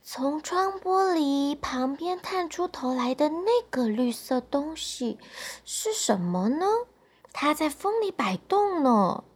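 A frail sick little girl from a bedtime storybook, speaking softly and hopefully in a hushed voice with a high, lively lilt, as a woman storyteller puts her on. Her voice rises and falls a lot, but stays gentle throughout. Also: slow.

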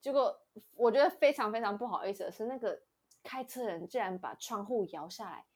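A woman's voice: mid-range voice, a little fast, darkish tone, slightly rough. A young woman co-hosting a casual chat, telling a story animatedly, often laughing and acting out the voices of people in it. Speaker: podcast co-host.

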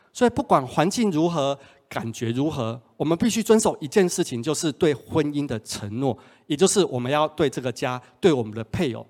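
A man's voice: medium pitch, darkish tone. A male pastor preaching a sermon in a conversational way, often asking the congregation questions. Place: church hall. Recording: long hall reverb.

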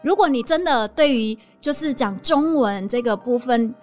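A woman's voice: on the high side, lively intonation, normal speed, soft background music. A woman from Vietnam hosting a casual interview podcast, chatting in fluent Mandarin. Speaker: podcast host.

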